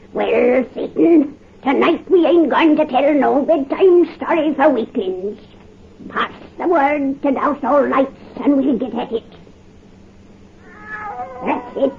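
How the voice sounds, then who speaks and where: A woman's voice: high-pitched, vocal fry, background noise, heavily acted. Old Nancy, a cackling ancient witch. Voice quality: cackling, drawling. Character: cackling 103-year-old witch storyteller, gleeful and sinister. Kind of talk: 1930s radio drama narration. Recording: dull old 1930s radio recording.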